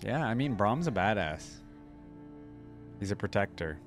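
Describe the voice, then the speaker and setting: This man's voice sits fairly low, and he sounds very animated while keeping a measured pace. Hosting a reaction video, he tosses out slangy, informal asides as a running commentary, with the watched video's music audible underneath.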